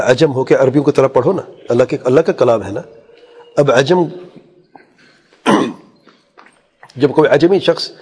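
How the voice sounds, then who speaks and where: A man's voice: medium pitch, darkish tone, husky. A man giving an earnest religious lecture as a preacher, posing rhetorical questions and quoting Arabic phrases. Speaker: Islamic preacher. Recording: long hall reverb.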